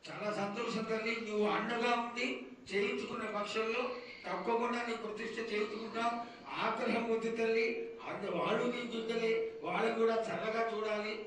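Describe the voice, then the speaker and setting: Echoing, high-voiced man pleading in ritual. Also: flat delivery, fairly quick, fairly bright tone. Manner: reverent, entreating. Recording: very echoey, distant, noisy public ceremony.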